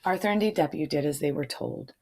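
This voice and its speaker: A woman with a deep, mellow voice reads a children's storybook aloud at a brisk pace. She adds informal asides and checks in with her listeners by asking them questions.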